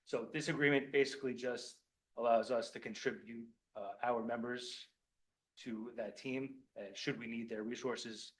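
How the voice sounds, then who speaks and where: A man who is a police lieutenant, addressing a village board meeting, choked up and halting, apologizing and repeating words as he explains. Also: medium pitch, fairly even intonation, fairly bright tone, rough recording. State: choked up with emotion. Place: municipal meeting room.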